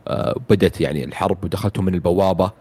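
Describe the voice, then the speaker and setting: A man's voice: sits low, racing, dark tone, husky. A man recapping a video game plot in casual chat, rambling with many fillers and restarts.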